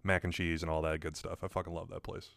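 A man's voice: low voice, little pitch movement, quick pace, creaky, fairly bright tone, no room sound, studio quality. A man co-hosting a podcast in laid-back casual chat, trailing off and swearing now and then. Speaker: podcast co-host.

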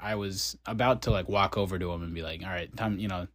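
A man's voice: low voice, fairly even intonation, fast talker, fairly bright tone. A young man casually telling a long story on a podcast, acting out the voices of the people in it. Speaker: podcast co-host.

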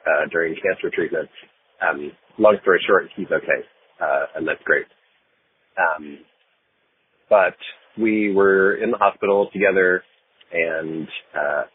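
A man leaving a hesitant voicemail over the phone, full of ums and uhs. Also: low voice. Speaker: caller. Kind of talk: recorded voicemail story. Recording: tinny phone line with faint noise.

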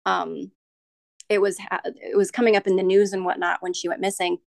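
Gravelly-voiced woman recounting her marriage. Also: medium pitch, level tone, no echo. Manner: halting, with frequent restarts and ums. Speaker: podcast guest. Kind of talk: candid interview storytelling.

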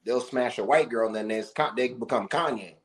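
A man co-hosting a casual talk show, telling stories in an animated, laughing way. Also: medium pitch, fairly quick, very noisy. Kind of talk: casual chat.

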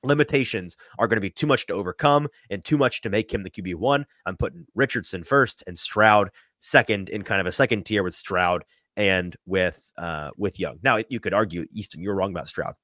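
A sports talk podcast host speaks in a lowish, slightly fast voice, sniffly from a sinus infection. He's animated and often repeats his opening words as he starts a thought. The recording has no echo.

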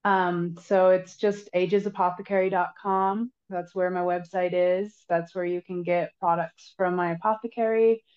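A woman's voice: fairly low pitch, steady tone, normal speed, few pauses. Earnest woman herbalist on dull lo-fi audio. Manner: earnest, advisory, repeats words. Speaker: herbalist guest. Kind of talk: casual podcast interview.

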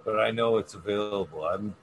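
A man's voice: lowish voice, fairly quick, slight background noise, rough recording. A man chatting casually in a rambling, coarse, slangy way, swearing freely.

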